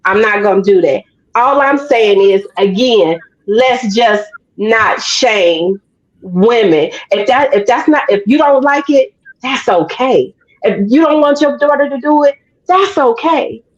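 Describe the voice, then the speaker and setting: Dull, lo-fi audio carries a woman's high-pitched voice. She is debating informally on a panel, insistent, restating her phrases to drive them home. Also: animated, a little slow. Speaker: panel participant.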